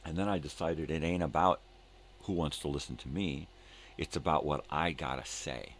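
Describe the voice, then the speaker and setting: A man's voice: rumbling low, normal speed, slight background noise. An older man hosting a live morning show with casual, rambling chat in laid-back hippie slang, drifting along and repeating himself.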